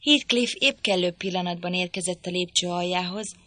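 A woman narrating an audiobook in a calm, measured storytelling voice. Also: lowish voice, no room sound. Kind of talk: scripted narration.

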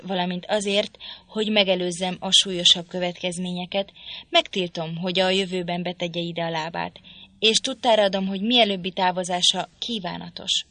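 A woman voicing a stern, indignant gentleman husband, speaking stiffly and reproachfully in an audiobook reading. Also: on the low side, no room sound.

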